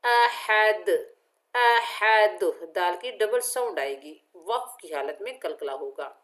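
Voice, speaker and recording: A woman's voice: low-pitched, lively intonation, normal speed. A woman teaching Quran recitation, spelling out each letter and repeating syllables patiently for the learner. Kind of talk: tajweed lesson, spelling out letters.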